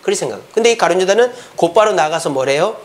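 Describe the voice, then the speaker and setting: A male pastor delivers a Sunday sermon with a high voice. His pitch rises and falls in big, lively swings. He keeps putting questions to the congregation as he preaches. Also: fast. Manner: animated, asks the congregation questions.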